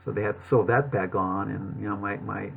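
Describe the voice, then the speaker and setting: A man's voice: on the low side, fairly even intonation, creaky, a little hiss or hum. Lisping, numb-lipped man on a thin recording. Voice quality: slight lisp; numb-lipped articulation, like numb from the dentist. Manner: halting, with long pauses and repeated words. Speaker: vlogger telling his life story. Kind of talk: personal storytelling to viewers. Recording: thin, phone-like narrowband sound.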